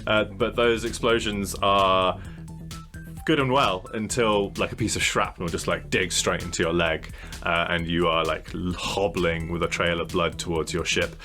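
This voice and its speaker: A man running a tabletop role-playing game, his voice pitched on the low side but bright and forward. He narrates loosely, padding every thought with likes and uhs, over a faint bed of music. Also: fairly even intonation, moderate pace. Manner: rambling, full of likes and uhs. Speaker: game master.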